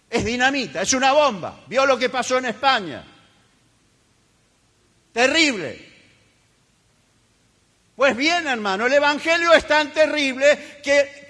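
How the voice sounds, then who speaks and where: A man's voice: extremely high pitch, pushed and bright. A man preaching a sermon as a pastor, emphatic and fiery, mocking the voices of complainers. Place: church hall. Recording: reverberant church hall.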